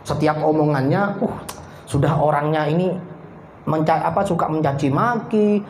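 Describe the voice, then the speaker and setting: A man's voice: on the high side, moderate pace, darkish tone, slight background noise, close to an everyday voice. A man voicing an old woman who scolds and warns, then turns remorseful, in a preacher's story. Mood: warning. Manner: scolding and warning. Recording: echoey hall.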